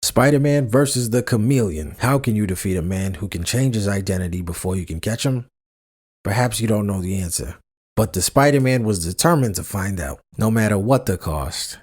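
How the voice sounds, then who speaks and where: Low-voiced man narrating a comic book. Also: expressive, normal speed, darkish tone, breathy edge.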